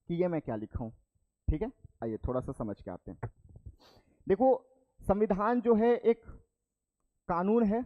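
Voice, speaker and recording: A man's voice: a little high, narrow, tinny audio. A young male teacher giving a classroom lecture, explaining step by step and checking in with the class after each point. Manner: explains step by step, repeats terms, checks with "ठीक है".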